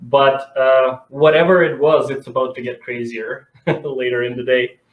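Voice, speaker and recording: Speaking at a moderate pace in a level, mid-range voice, this North Macedonian advertising director chats as an expert interview guest. The audio has phone-quality sound with echoey room acoustics.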